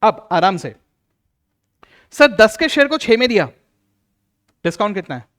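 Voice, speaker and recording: High, lively man teaching accounts. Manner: lively, plays both teacher and student in little dialogues; slows down to stress key rules. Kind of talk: classroom lecture.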